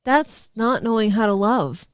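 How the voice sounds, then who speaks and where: Woman, clear voice, dry studio sound, podcast co-host, casual wry commentary. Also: on the high side, animated, unhurried, no echo.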